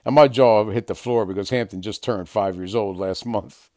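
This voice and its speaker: An older man hosting a casual sports podcast, talking in a relaxed, rambling way with lots of "uh" fillers. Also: on the low side, moderate pace, dry recording, clean studio sound. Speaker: podcast host.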